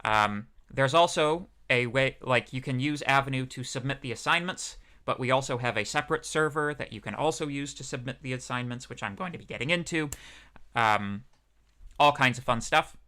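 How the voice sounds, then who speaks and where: A young PhD student teaching a university course delivers a casual livestreamed lecture, chatty and rambling with many fillers. His medium-pitched voice is bright and forceful, moving at a moderate pace.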